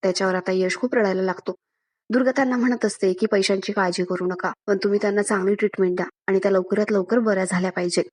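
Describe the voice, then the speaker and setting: A woman reviewing a TV serial, retelling an episode's events at a steady pace. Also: medium pitch, fast talker. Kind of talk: episode recap narration.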